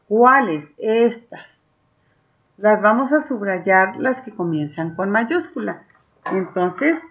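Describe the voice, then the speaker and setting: The recording is lo-fi, and the woman's voice is mid-range. She is a teacher with a Mexican Spanish accent, leading first graders through a reading lesson with warmth and patience, drawing words out slowly for the children to follow.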